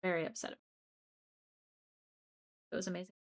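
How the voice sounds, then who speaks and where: A woman's voice: on the low side, little pitch movement, moderate pace. Chatty young woman streaming late at night. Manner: rambling and chatty, with frequent restarts and asides to chat. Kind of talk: casual livestream chat.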